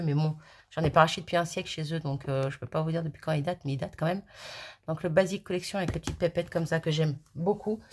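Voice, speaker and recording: A woman with a fairly low voice talks through her crafting project in a loose, rambling way, often laughing at her own slips. A faint hiss sits under the recording. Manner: chatty, rambling, self-mocking with little laughs. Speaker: crafting video host. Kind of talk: casual crafting vlog.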